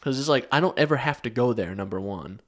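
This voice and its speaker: Young male podcast co-host, mid-pitched, loose and rambling, casual profanity. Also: expressive, quick pace. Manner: rambling, swears casually, restarts sentences. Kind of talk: casual chat.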